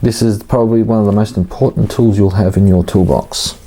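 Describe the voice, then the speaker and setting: A man giving a casual, hands-on tutorial, informal and halting as he thinks aloud while working. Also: lowish voice, fairly even intonation, warm tone. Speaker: hobbyist host of an RC car build series.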